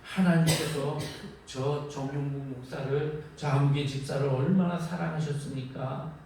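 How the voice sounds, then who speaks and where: A man's voice: on the high side, steady tone, moderate pace. A male pastor preaching a sermon in a church in a conversational, storytelling way, asking the congregation questions. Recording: echoey hall, distant mic, faint room noise.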